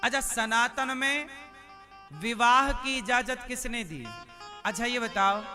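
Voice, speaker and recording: A man's voice: extremely high pitch, takes it slowly, sharp tone. A male preacher giving a sermon, putting rhetorical questions to his listeners. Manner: asks the audience rhetorical questions. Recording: music playing under the voice.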